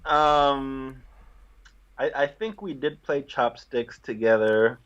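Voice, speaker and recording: A man's voice: medium pitch, takes it slowly, a bit bright, smooth, dull audio. A young man from Guatemala, a musician guest on a video call, talking easily and laughing at himself. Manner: easygoing, laughs often, self-deprecating. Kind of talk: casual interview.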